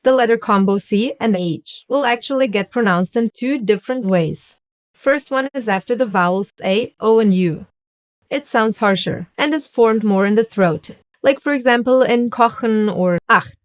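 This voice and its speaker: A woman narrating a scripted beginner language lesson, carefully demonstrating how words are pronounced. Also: fairly high pitch. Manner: slow, careful pronunciation demonstrations. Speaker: language teacher.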